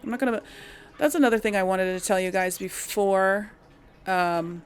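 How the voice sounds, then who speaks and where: Here the let's play host speaks in a mid-range voice at a moderate pace. She keeps her game commentary chatty and informal, addressing her audience and thinking out loud.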